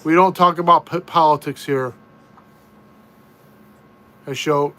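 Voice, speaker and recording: Relaxed American man hosting a live chat. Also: on the high side. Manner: easygoing, slow, repeats himself and restarts. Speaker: live stream host. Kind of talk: casual live chat reading viewer comments. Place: room at home.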